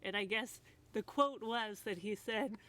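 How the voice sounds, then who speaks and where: A woman's voice: medium pitch, a little slow, pushed and bright. A woman chatting casually as a cooking guest, giggling and hedging with "like" and "I guess". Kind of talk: casual chat.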